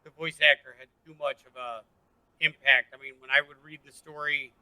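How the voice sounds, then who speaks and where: A man's voice: mid-range voice, fairly even intonation, brisk, sharp tone, smooth, no room sound, low-quality recording. A man co-hosting a book podcast, chatting bluntly and casually, with the odd swear. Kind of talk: casual chat.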